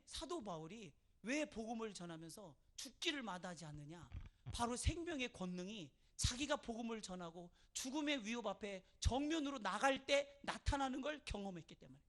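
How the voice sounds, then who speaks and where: A male pastor delivers a sermon in church, his voice bright and pushing forward. He tells stories quietly, then swells into loud preaching. He draws the congregation in with repeated calls for an amen. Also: extremely high pitch. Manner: call-and-response, asking the congregation for amen; moves from soft storytelling to loud preaching.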